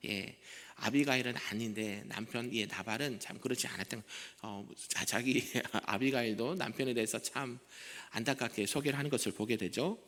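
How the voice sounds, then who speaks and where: A man's voice: mid-range voice, normal speed, hardly any pauses, fairly bright tone. Casting: male pastor, morning sermon, engaging and chatty, church reverb. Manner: conversational preaching, asks the congregation questions. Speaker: senior pastor. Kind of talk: early morning prayer sermon. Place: church sanctuary.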